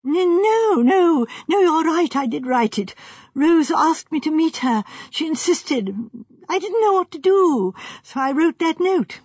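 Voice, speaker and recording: Distraught young man as a woman narrator voices him, high pitch, hesitant stammer, ladylike, pleading, audiobook character. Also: expressive, a little slow, a little mellow, no room sound, lo-fi sound. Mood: flustered. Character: anxious, distraught, dreamy young male architect.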